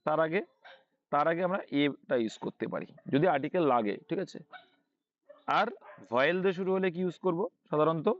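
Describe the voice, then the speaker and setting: A man's voice: on the high side, animated, a little fast, lo-fi sound. A man with a Bangladeshi Bengali accent teaching English grammar, often asking a question and answering it himself and repeating key points. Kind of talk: online English grammar lesson.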